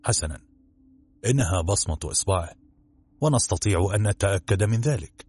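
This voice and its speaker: A man voicing a calm, sharp-witted detective in a storybook reading, speaking with quiet amusement and a husky voice. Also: lowish voice, a little fast, dry recording.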